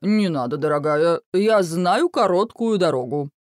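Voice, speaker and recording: A man voicing a bossy hurried sparrow dad. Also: high-pitched, expressive, no room sound, studio quality. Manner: impatient, boastful.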